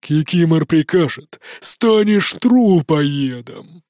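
A man's voice: a little high, lively intonation, slow pace, darkish tone, dry recording, studio quality. A man doing a gloating hyena commander. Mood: scheming commands. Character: scheming commanding hyena magistrate, male.

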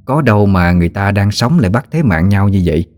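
Southern vietnamese guy telling a ghost story, low steady voice, soft music in the back. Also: quick pace, dry recording.

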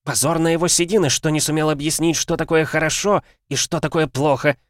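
A man's voice: fairly high pitch, fairly even intonation, brisk, dry recording, clean studio sound, voice pushed up, natural voice. A man voicing a furious noblewoman, the bride's mother, speaking in a scornful, hissing way. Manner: hissing through teeth, scornful.

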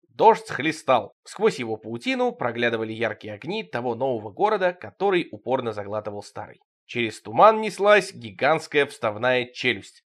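A man narrating a surreal, crude comic story in an expressive reading, moving between loud outbursts and low asides.

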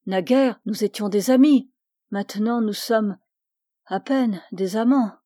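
A woman reading the part of an ailing young woman in love, soft and wistful. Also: medium pitch, a little slow, no room sound, clean studio sound, close to an everyday voice.

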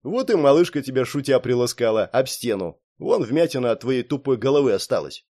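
A man's voice: mid-range voice, lively intonation, brisk, warm tone, natural voice. A man narrator voicing a brash young male space pilot who teases his friend with a smirk. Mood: mocking. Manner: smirking, teasing.

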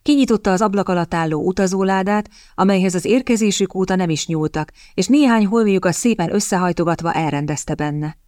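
A woman reading an audiobook novel aloud in a measured storytelling manner. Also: on the low side, a little mellow, no echo, clean studio sound. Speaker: audiobook narrator. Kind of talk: scripted narration.

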